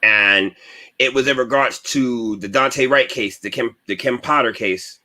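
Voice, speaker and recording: A man's voice: mid-range voice, unhurried, sharp tone, a little hiss or hum. A man hosting a radio talk show, talking in an earnest, searching way with frequent restarts. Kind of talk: casual radio discussion.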